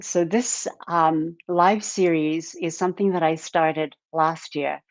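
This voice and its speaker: A woman from Japan hosting a live-stream talk, speaking in an unhurried way with many fillers and repeated words. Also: deep voice, fairly even intonation, no room sound. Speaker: live stream podcast host. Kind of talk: slow casual live-stream introduction. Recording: dull lo-fi dry sound.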